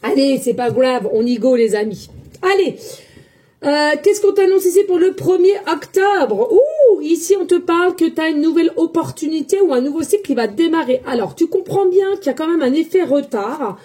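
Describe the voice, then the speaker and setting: Speaking at normal speed in a high, animated, mellow voice, a woman who works as a psychic medium giving tarot readings addresses her viewers casually. Her monologue turns defensive and repetitive, with fillers throughout.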